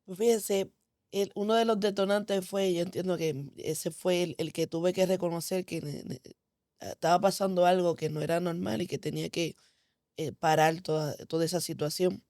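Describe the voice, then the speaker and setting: A woman's voice: fairly low pitch, fairly even intonation, normal speed, dark tone, no room sound, clean studio sound. A woman candidly telling her personal testimony, speaking with feeling and frequent "este" fillers. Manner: candid, emotional storytelling with many "este" fillers. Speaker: guest giving testimony. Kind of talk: conversational testimony.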